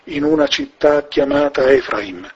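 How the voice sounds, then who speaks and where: A man giving a solemn, measured scripture reading. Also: medium pitch, huge pitch swings, gravelly, breathy edge, muffled recording. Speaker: scripture reader.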